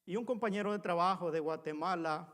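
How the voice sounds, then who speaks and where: A male pastor delivers a sermon in a church sanctuary, speaking in a fairly high register. He talks earnestly and conversationally, often calling his listeners brothers as he tells personal stories. His voice rings out with a long hall reverb. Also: a little fast, a bit bright.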